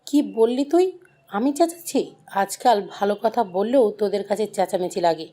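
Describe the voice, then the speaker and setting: A woman playing a nagging, sharp-tongued aunt. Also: lively intonation, a little slow. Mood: scolding. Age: 30s. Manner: shrill, accusing, nagging. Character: sharp-tongued scolding aunt in her thirties.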